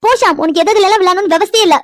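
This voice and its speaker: A woman's voice: very high-pitched, racing, a bit bright. A woman voicing Aishwarya, a flustered young woman. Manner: protesting, flustered, stammering. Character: young woman Aishwarya, sulky and easily upset. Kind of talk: cartoon voice acting.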